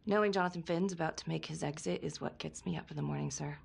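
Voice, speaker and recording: An earnest young female detective, with a deep, raspy, gravelly voice. She speaks quickly and respectfully to her chief. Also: full character voice.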